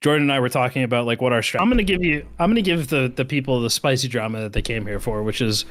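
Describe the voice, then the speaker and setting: A man's voice: mid-range voice, fast talker, a bit bright. A man who was a creator manager, ranting heatedly with plenty of swearing on a podcast. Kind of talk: podcast chat.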